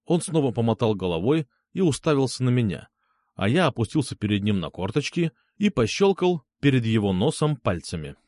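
A man's voice: mid-range voice, sing-song, fairly quick, darkish tone, no echo. A man narrating a first-person audiobook with sardonic, coarse humor.

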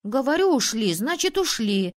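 A woman's voice: a little high, sing-song, measured pace. A woman voicing a cocky red-haired village boy who leads a small gang. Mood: bossy. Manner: bossy, blustering.

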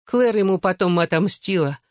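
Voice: mid-range voice, normal speed, dry recording, clean studio sound, lightly acted. A reader voicing a blunt, mocking teenage girl in an audiobook. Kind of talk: audiobook character voice.

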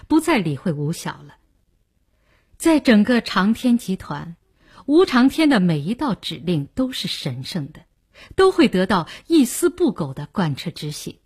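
A woman narrating an audiobook in an expressive storytelling manner, with a breathy voice. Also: mid-range voice. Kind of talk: scripted narration.

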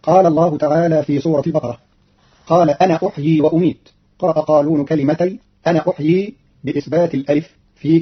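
Brisk man, husky voice, formal scripted explanation, lo-fi old radio recording. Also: on the high side. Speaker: radio announcer. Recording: dull lo-fi archival radio recording.

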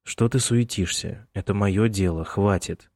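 A man's voice: on the low side, a little mellow, no echo, studio quality. A male narrator voicing a tired, irritated young man who answers his mother curtly in an audiobook. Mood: weary. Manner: weary, curt and slow.

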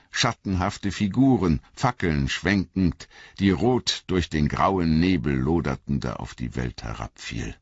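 Low, husky male narrator, slow and expressive, for dramatic audiobook reading. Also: no echo, lo-fi sound. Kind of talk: scripted narration.

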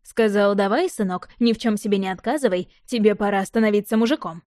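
A sarcastic, sneering eighteen-year-old son, read by a woman in her own mellow voice. He mocks with cold bitterness. The storybook recording is close and dry. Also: mid-range voice, brisk, dry recording, natural voice. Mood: mocking.

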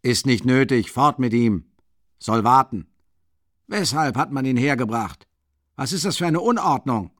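A man's voice: medium pitch, lively intonation, measured pace, a bit bright, no echo, clean studio sound. A man voicing an irritable middle-aged male investigating magistrate who barks angry questions in an audiobook. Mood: irritated.

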